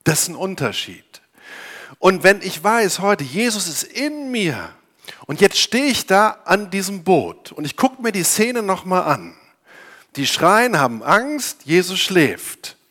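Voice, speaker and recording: A man preaching a sermon, swinging from urgent raised appeals to soft, almost whispered prayer. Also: sits high, big pitch swings, unhurried.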